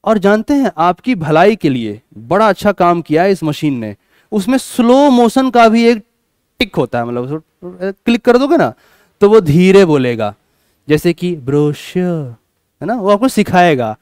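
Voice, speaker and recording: A man teaching a class, lively, asking questions and answering them himself. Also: high-pitched, moderate pace, clear, resonant tone, no echo, studio quality. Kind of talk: classroom lecture.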